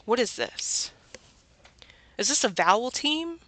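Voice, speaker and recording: A woman's voice: on the high side, big pitch swings, slow pace, pushed and bright, dry recording. A woman with a Southern US accent teaching a children's reading lesson, patiently asking questions and answering them herself.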